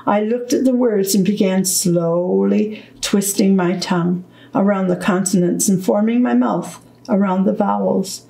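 A woman reading a children's book aloud at storytime, slow, deliberate and gentle. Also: mid-range voice, vocal fry, roomy sound, rough recording. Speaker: storytime reader.

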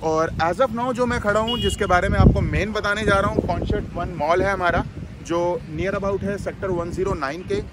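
A man's voice: high-pitched, normal speed. Chatty man vlogging by a noisy road. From Delhi. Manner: chatty, mixes English words into Hindi, repeats "theek hai". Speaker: vlogger touring an area. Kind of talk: casual walking vlog commentary. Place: outdoors by a road. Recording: outdoor wind and traffic noise. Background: loud wind and passing vehicles.

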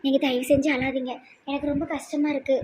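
A woman playing a gentle young adult daughter with a Tirunelveli Tamil accent, speaking softly and pleadingly. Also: high-pitched, flat delivery, fast talker, slight background noise, close to an everyday voice. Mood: sad. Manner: soft, pleading.

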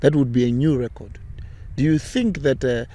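A man's voice: mid-range voice, normal speed, dark tone. A young man hosting a football podcast outdoors, asking questions hesitantly with many fillers and restarts. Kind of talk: interview questions. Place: outdoors on a sunny football field. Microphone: handheld mic on a stand.

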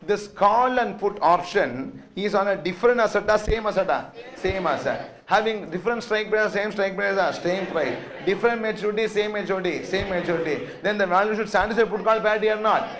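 A man's voice: high voice, brisk, hardly any pauses, a bit bright. Tamil-accented South Indian male lecturer, echoey room. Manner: repeats phrases and checks with rhetorical questions. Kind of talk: classroom lecture. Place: indoor classroom, talking to students.

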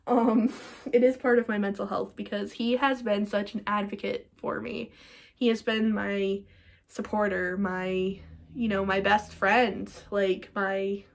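A young woman talking to camera in a personal vlog, emotional and rambling with lots of fillers, a little teary. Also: medium pitch. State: teary-eyed. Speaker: vlogger.

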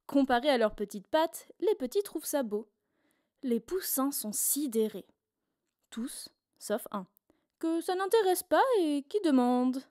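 A woman reading a children's story aloud in a playful, expressive storyteller manner. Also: high-pitched, unhurried, no echo, clean studio sound.

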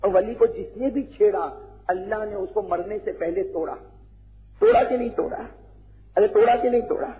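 A man preaching a religious sermon, with dramatic swings from low talk to shouted lines and many questions to the crowd. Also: moderate pace. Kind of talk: Urdu-Hindi religious sermon. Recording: tinny lo-fi phone-like recording with faint noise.

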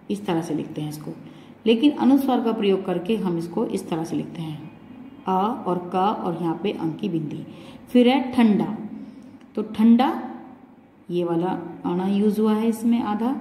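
Female schoolteacher, mellow and patient, explains step by step for kids; roomy echo, faint hum behind. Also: mid-range voice. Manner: patient, explains step by step, says "thik hai" often. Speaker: school teacher. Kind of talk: Hindi grammar lesson for children.

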